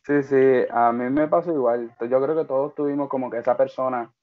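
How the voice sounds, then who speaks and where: A man's voice: medium pitch, steady tone, a little fast. A man hosting a casual interview, asking friendly, chatty questions full of fillers. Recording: phone-like narrow band.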